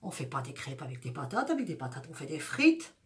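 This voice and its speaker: Woman doing a mock-Belgian kitchen heckler, put-on Belgian French accent, low hushed voice. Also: huge pitch swings, brisk, a little hiss or hum, full character voice.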